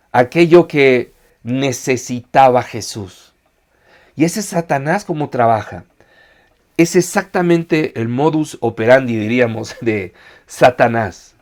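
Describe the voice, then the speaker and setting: A man's voice: mid-range voice, a little mellow. A man giving an earnest sermon as a pastor, asking his listeners rhetorical questions. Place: church online meeting.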